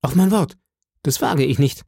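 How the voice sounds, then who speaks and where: A man's voice: mid-range voice, expressive, brisk, dark tone, dry recording, clean studio sound, natural voice. A man voicing a frightened young boy in an audiobook, pleading tensely and anxiously. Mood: scared.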